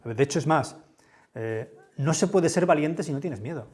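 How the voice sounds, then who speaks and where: A man from with a big, booming voice gives a conference talk in a lecture room, speaking conversationally and often checking in with his listeners. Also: expressive, moderate pace, a little mellow. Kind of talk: conference talk with audience questions.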